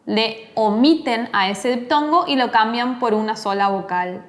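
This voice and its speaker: Woman teaching English pronunciation. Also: fairly high pitch. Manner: explains slowly, demonstrates English pronunciation. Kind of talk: recorded online lesson.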